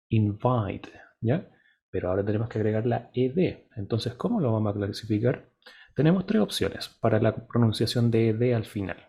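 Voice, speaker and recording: A male teacher explaining a lesson patiently, slowly modeling English words and often checking in with his students. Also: medium pitch, vocal fry, dark tone, slightly rough.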